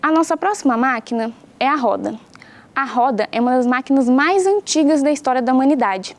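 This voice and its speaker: A young woman teacher from Brazil, giving a patient home science lesson that explains things clearly and asks the pupils questions. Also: high-pitched, expressive, fairly quick.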